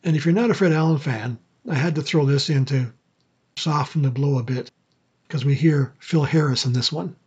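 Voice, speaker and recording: A man hosting informally, commenting in halting phrases on vintage programs, with dull sound. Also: a little high, a little mellow, slightly rough. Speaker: old-time radio program host.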